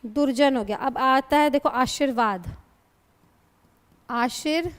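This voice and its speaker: A woman's voice: high voice, a little slow. A woman teaching Hindi grammar in a classroom lecture. She explains patiently, asks her students questions and calls them "beta". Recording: long hall reverb.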